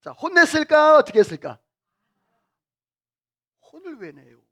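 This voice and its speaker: A man's voice: very high-pitched, big pitch swings, measured pace, bright, forceful tone. A middle-aged male pastor preaching a sermon in a church, asking the congregation questions and having them repeat phrases after him. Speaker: senior pastor. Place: church sanctuary.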